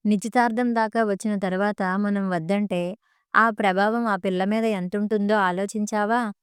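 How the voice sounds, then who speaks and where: A woman doing a calm, reasoning husband. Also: medium pitch, moderate pace, clear, resonant tone, no room sound, clean studio sound, close to an everyday voice. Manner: patient, persuasive.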